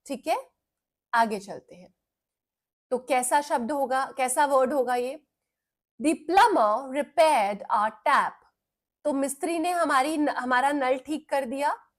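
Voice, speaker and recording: Slow-speaking Indian woman teacher. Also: high voice. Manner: slow, patient explaining, mixing Hindi and English. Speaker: online English teacher. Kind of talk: live online class for children.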